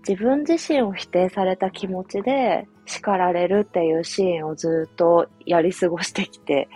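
Husky-voiced young mother musing softly. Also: fairly low pitch. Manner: soft, reflective, many fillers. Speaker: podcast host, mother. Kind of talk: casual personal storytelling. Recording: faint music behind.

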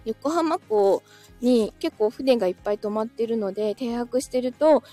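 Giggly female livestream host, high and mellow voice, chatty with commenters, soft music behind. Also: lively intonation, normal speed. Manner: laughs often, chatty, reacts to comments. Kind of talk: casual livestream chat.

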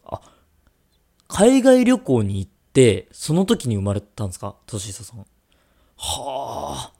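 Male podcast co-host, casual teasing banter, animated pitch, some vocal fry. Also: takes it slowly. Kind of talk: casual radio-style chat.

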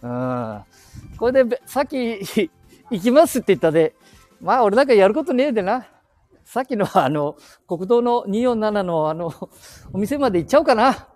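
A man's voice: sits high, sing-song, normal speed, darkish tone, faint music behind. An older man with a Nagoya-area accent gives casual, rambling walking commentary in folksy dialect, his voice muffled through a face mask. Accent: Nagoya-area Japanese (Aichi). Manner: chatty, folksy dialect, thinking aloud. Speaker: vlogger. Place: outdoors, walking through town streets.

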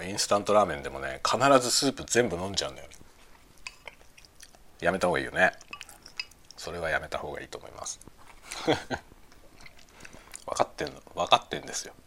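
A man's voice: deep voice, very animated, fast talker, vocal fry, bright, forceful tone, slight background noise. A middle-aged man chatting casually while eating, musing aloud in short phrases that trail off. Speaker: host of a lunchtime chat.

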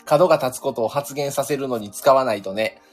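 A man's voice: medium pitch, a little fast. A man with a Kansai accent co-hosting a casual chat in an easygoing way. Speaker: co-host.

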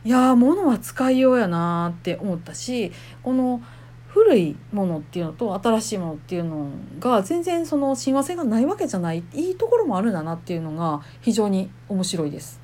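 A woman's voice: mid-range voice, very animated, fairly quick, warm tone. A woman with a Kansai accent, a temple wife who talks casually and chattily to her listeners and laughs often. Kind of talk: casual monologue.

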